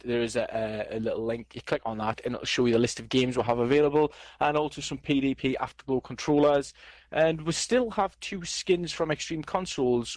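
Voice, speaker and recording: Man, podcast host, casual chat, playful and boastful, middle pitch, dry close sound. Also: dry recording.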